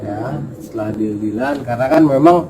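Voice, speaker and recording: This storyteller, a man with a medium-pitched voice, talks briskly as he shares a hiking story in a casual, heartfelt and earnest manner. The background is noisy.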